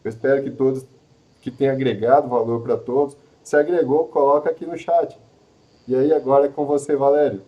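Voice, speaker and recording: A man's voice: mid-range voice, steady tone, brisk, lo-fi sound. A man hosting a live web show, talking earnestly with frequent restarts and repetitions. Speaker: host. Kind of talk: live web show chat and course pitch.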